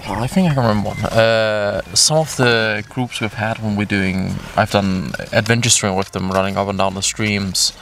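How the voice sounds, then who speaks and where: A man's voice: fairly low pitch, steady tone, moderate pace, vocal fry, hardly any pauses, background noise. A young man from Denmark, a native Danish speaker, chatting casually with a hesitant manner and many fillers. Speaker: volunteer. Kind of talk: casual group chat.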